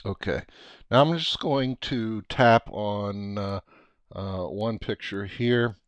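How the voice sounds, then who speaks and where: A middle-aged American man giving an unscripted, casual software walkthrough, thinking aloud haltingly as he explains. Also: fairly low pitch, no room sound. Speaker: software tutorial presenter.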